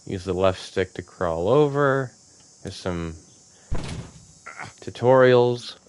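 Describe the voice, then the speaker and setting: A man's voice: on the low side, expressive, slow pace, darkish tone, a little hiss or hum. A man giving casual, rambling gameplay commentary as a let's play host, full of fillers and easy laughs.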